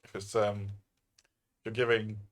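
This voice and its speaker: A man's voice: fairly low pitch, level tone, measured pace. A man co-hosting a casual podcast, laughing often and tossing in dry quips. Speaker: podcast co-host. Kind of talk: casual banter.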